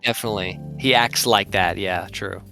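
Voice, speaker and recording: A man's voice: lowish voice, steady tone, normal speed, creaky, sharp tone. Young male co-host, loose filler-laden delivery, faint background music. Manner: rambling, heavy use of "like" fillers. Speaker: podcast co-host. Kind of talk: casual anime review chat.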